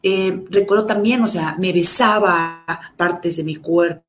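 Halting woman telling her story. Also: soft background music. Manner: halting, with many fillers and restarts; emotional, often dropping to a low, soft voice. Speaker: survivor sharing her story. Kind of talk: personal testimony.

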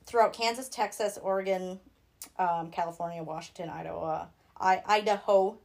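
A woman's voice: fairly low pitch, normal speed, creaky, a little mellow. Giggly young woman with Minnesotan accent. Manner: rambling, giggly, many fillers. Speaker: podcast co-host. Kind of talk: casual true-crime chat.

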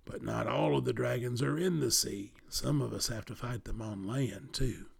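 A man's voice: medium pitch, normal speed, vocal fry, breathy edge. A man doing a friendly big monster. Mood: pleading. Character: friendly big male monster, earnest and good-humored.

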